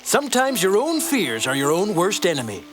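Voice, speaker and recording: Lively, high-voiced gnome judge. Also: male voice. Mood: reassuring. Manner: brisk, commanding, fatherly. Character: wise clever male gnome judge, leader. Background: cartoon music.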